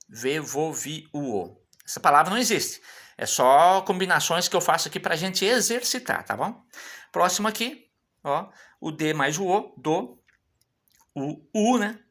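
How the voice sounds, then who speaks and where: A Hebrew teacher giving an online lesson. The teacher walks through written examples, repeats sounds slowly and checks in with frequent tag questions. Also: mid-range voice, fairly bright tone.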